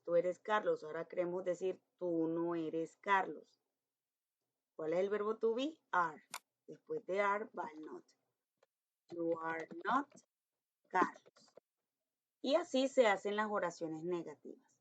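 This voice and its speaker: A woman who teaches English to schoolchildren, explaining grammar step by step and slowly repeating example sentences. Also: medium pitch, a bit bright. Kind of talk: explaining grammar in an online lesson. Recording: dull lo-fi recording.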